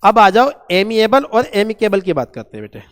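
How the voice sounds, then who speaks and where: A man's voice: sits high, very animated, moderate pace, fairly bright tone, long reverb tail. A man teaching an English vocabulary lesson, repeating key words and quizzing his students.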